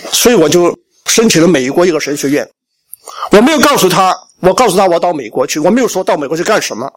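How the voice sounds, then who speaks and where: Delivering a sermon testimony, a middle-aged pastor from Shandong, China, recounts his life and performs the family conversations. He speaks fast, in a high-pitched voice with lively intonation.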